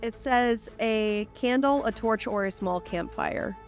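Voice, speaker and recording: A woman's voice: a little high, slow pace, faint music behind. A woman playing a tabletop game, hesitant and thinking aloud with fillers. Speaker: player. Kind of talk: casual tabletop play.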